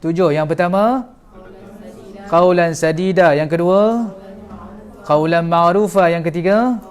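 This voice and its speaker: A man with a Malaysian Malay accent teaches a class, setting out each point in turn and putting questions to his listeners. His voice sits high for a man. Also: measured pace. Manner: explains step by step and asks the audience questions. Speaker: lecturer. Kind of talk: classroom lecture.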